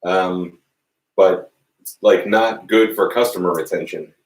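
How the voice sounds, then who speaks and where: A man's voice: low-pitched, steady tone, measured pace, recorded from a distance, a little hiss or hum. A man guesting on a casual cooking stream, talking in a dry, joking way. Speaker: guest, former bartender. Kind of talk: casual live-stream chat. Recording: roomy echo, a bit away from the mic.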